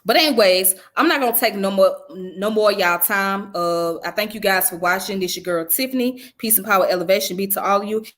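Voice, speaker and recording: A woman with a medium-pitched, fairly bright voice talks a bit quickly, with few pauses. Raised in the American South, she hosts her own channel and gives casual vlog commentary that's blunt, profane, and conversational.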